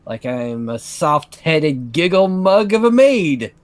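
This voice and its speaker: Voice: medium pitch, very animated, slow pace, no echo. Someone playing a bitter, sneering young woman. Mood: indignant. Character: bitter, prim young woman, stewing in a foul mood. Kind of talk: amateur voiced story reading.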